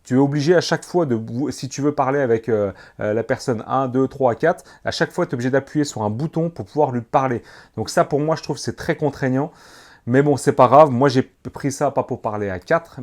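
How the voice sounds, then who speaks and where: This man, a motorcycle vlogger, chats through a gear review straight to camera, slangy and relaxed, treating the viewer like a buddy. His voice has a medium pitch and a darkish tone.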